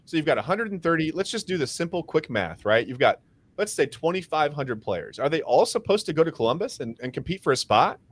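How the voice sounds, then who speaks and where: A man's voice: on the high side, sing-song, brisk. A man co-hosting a casual sports podcast, who talks emphatically and repeats words when he gets worked up. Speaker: co-host.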